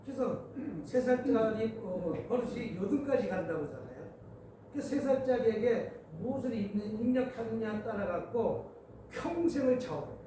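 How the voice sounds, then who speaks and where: A man's voice: high voice, expressive, normal speed, dark tone. A man preaching as a pastor, playful and chatty, coaxing his congregation along. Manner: playful, coaxes the congregation to repeat after him. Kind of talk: sermon at a prayer meeting. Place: church sanctuary. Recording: echoey church hall, distant mic, background noise.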